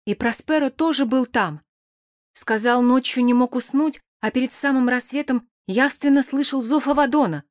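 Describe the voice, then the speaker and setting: A woman voicing a young man who is tearful, frightened and talking in a rushed, sobbing way. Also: sits high, no echo, clean studio sound, voice pushed up, natural voice. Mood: shaken.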